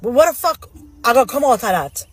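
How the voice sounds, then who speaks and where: A woman's voice: fairly high pitch, lively intonation, a little fast, husky. A woman from Jamaica with a Jamaican accent, delivering a heated, swearing rant.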